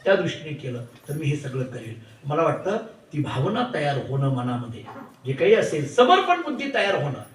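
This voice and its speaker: A male preacher giving an expressive devotional discourse, quoting verses and acting out story dialogue. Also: on the high side, a little fast. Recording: distant echoey hall mic.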